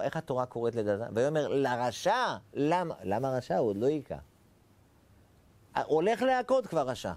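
A man's voice: medium pitch, gravelly, warm tone, breathy edge. A man teaching a Torah lesson as a rabbi, speaking animatedly with rhetorical questions and little acted-out dialogues. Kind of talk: Torah lecture.

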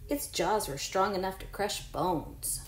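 At a measured pace and medium pitch, a teacher in her forties reads a picture book aloud to young children. She keeps them encouraged with chatty asides and questions for the unseen kids. There's a roomy echo and faint background noise.

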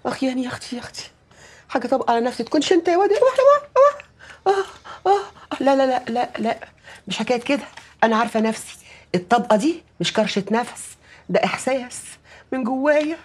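A woman's voice: on the high side, animated, rapid-fire, a little mellow, slightly rough. A fretting, wailing mother. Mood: fretful. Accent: Egyptian Arabic. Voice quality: wailing, lamenting. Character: anxious middle-aged Egyptian mother of many sons.

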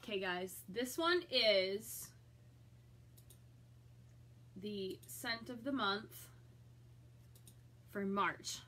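A woman's voice: mid-range voice, extremely slow, pauses often, fairly bright tone. A middle-aged woman chatting with viewers as she unboxes a subscription box, enthusiastic and reacting aloud. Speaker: vlogger reviewing a subscription box. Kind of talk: live unboxing chat with viewers.

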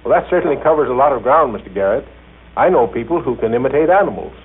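A man interviews formally in a fast, slightly rough voice of medium pitch. It is a tinny 1930s radio recording. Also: lively intonation.

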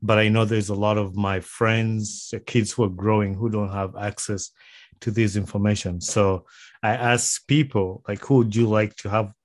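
This podcast host, a man with a Ugandan accent, keeps his interview casual and chatty. He has a lowish, steady voice at a normal pace. He's indoors in a small home studio, close to a microphone on a boom arm, with no room sound audible.

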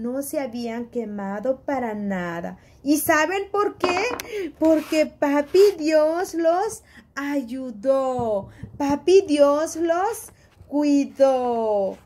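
A woman teacher telling a Bible story to children, animated and asking them questions along the way. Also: high-pitched.

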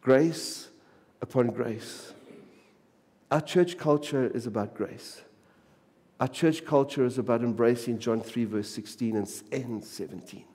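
Mellow-voiced male pastor from South Africa, emphatic and repetitive, sermon in a reverberant church. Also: medium pitch, unhurried, breathy edge. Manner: repetitive, emphatic, drops to a hush on key phrases. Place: church sanctuary.

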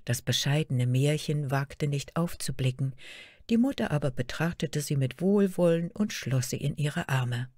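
A woman reading a fairy tale aloud as a storyteller, measured and expressive. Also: low-pitched, no room sound, clean studio sound.

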